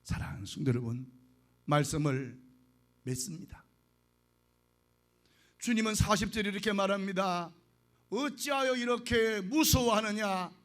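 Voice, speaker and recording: A male pastor preaching a sermon emphatically, leading the congregation in call-and-response prayers, with volume swinging from soft to loud. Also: high voice, animated, a little slow, pauses often.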